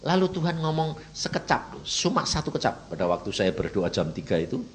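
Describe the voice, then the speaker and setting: A man, an evangelist, giving a colloquial testimony sermon, swinging between loud emotional outbursts and soft, quiet drops. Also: a little high, sing-song, a little fast, slight background noise. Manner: colloquial, addresses listeners as brothers and sisters.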